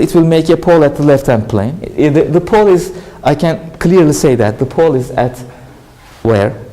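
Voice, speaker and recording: A university lecturer with a Turkish accent, a native Turkish speaker, giving a classroom lecture and often asking questions, then answering them himself. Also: male voice, medium pitch, warm tone, low-quality recording. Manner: explanatory, asks and answers his own questions. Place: lecture hall.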